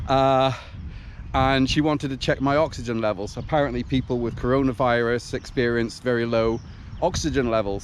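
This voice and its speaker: A man's voice: mid-range voice, a little mellow. A man chatting casually and hesitantly to a vlog while out on a run beside country roads. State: occasional dry cough. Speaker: running vlogger. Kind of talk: casual outdoor vlog chat. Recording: noisy outdoor recording with passing traffic. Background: cars and motorbikes going by.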